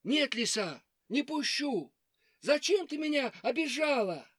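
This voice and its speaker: Storybook hare, small and timid, whiny and high, voiced by a woman narrator. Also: big pitch swings, no echo, clean studio sound. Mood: plaintive. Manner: high, plaintive, hurried complaining. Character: weepy timid little hare, male.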